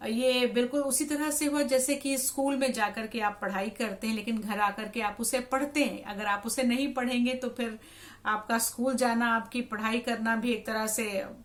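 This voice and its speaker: Higher-voiced woman giving radio advice. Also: fairly even intonation. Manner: measured, advisory, repeats for emphasis. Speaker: radio jockey and vlogger. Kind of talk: instructive talk to camera.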